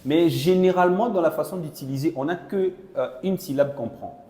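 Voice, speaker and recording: A man's voice: a little high, normal speed, warm tone. A man interpreting a Chinese lesson into French for a class, explaining patiently and checking that students follow. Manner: explanatory, checks understanding with "non?" and "voilà". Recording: echoey classroom with long reverb.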